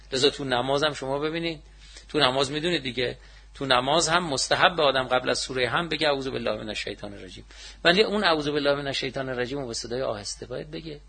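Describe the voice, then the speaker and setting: Gravelly, bright-voiced male preacher. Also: medium pitch. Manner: swings between loud emphasis and hushed asides; asks listeners rhetorical check-in questions. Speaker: religious preacher. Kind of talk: colloquial religious lecture.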